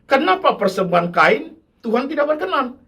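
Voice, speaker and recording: Man, pastor, sermon, animated rising and falling pitch. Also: normal speed, creaky. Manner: preaching with dramatic swings in pitch, mixing in English words.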